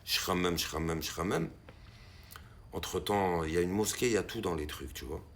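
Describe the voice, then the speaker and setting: A man a gravelly, creaky voice flecked spins a long personal anecdote. He talks in a loose, conversational way and throws his voice high and loud whenever he imitates the people in the story. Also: a little fast, a little hiss or hum. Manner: animated, acts out quoted voices with big pitch jumps. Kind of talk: casual spoken anecdote.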